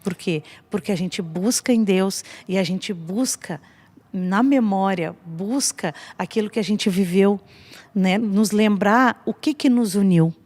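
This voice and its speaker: A woman in her fifties from Brazil talks fondly and conversationally on a church podcast. Her voice sits at a mid pitch and rings out with a long hall-like reverb. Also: a little slow, darkish tone. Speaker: family ministry guest. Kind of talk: casual church podcast talk.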